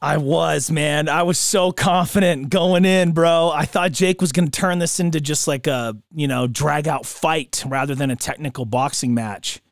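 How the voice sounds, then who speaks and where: A man's voice: fairly high pitch, normal speed, vocal fry, few pauses, no echo, studio quality. A man chatting casually about sports as a podcast co-host, with slangy bro talk.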